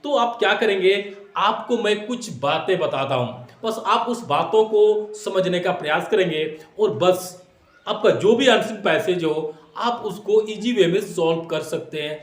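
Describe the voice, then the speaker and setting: A man's voice: sits high, a little slow. A man teaching exam tips in a classroom style, repeating points and asking rhetorical questions while mixing in English phrases. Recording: echoey room.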